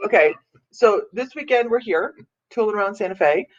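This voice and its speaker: A woman's voice: mid-range voice, expressive, moderate pace, a little hiss or hum. Chatty laughing woman on a lo-fi stream. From Ohio, USA. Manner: chatty, rambling, laughs often. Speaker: psychic livestream host. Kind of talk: casual live chat. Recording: dull lo-fi livestream audio.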